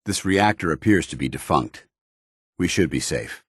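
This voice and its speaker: In this video game companion dialogue, recorded dry and close with no echo, a stern soldier of principle speaks formally and earnestly like a commanding officer loyal to his order. His extremely low, husky voice is a bit bright and heavily acted, animated at a moderate pace, with a watchful, businesslike mood.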